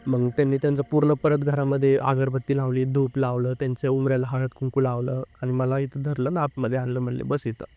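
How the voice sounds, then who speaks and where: A young man telling a personal story as an interview guest, speaking earnestly and haltingly, with filler sounds. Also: mid-range voice, monotone, dark tone, no room sound, soft background music. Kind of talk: casual first-person storytelling.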